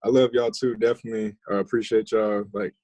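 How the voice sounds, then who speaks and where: A man co-hosting a casual podcast, talking in a slangy, laid-back way with a husky voice. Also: on the low side, level tone, fast, dark tone, dry recording, muffled recording. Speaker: podcast co-host. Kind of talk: casual group chat.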